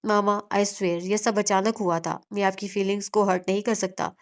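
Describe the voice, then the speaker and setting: A woman's voice: mid-range voice, little pitch movement, normal speed, natural voice. A woman reading the lines of a young man apologising to his mother. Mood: pleading. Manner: pleading, apologetic.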